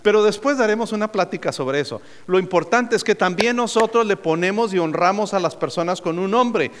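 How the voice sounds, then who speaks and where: A man's voice: sits high, brisk, a bit bright, slight background noise. A man preaching a sermon as a pastor, calling on the congregation for answers and adding joking asides. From United States. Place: church sanctuary. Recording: long hall reverb.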